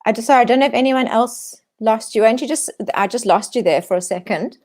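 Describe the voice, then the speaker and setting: A woman's voice: fairly high pitch, fast, darkish tone. A woman interviewer on a video call, her voice coming through buzzy, glitchy call audio that keeps breaking up as she checks the connection. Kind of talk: casual video call chat.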